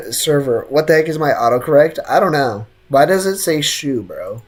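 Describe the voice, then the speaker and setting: With game music behind him, a young American gamer chats casually and in slang on his live stream, reading and replying to chat. His voice is fairly high, his intonation lively, and his pace unhurried.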